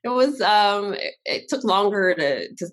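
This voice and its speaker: A woman's voice: mid-range voice, lively intonation, unhurried, a bit bright. A woman from Barbados, a guest chatting casually in an interview and laughing often.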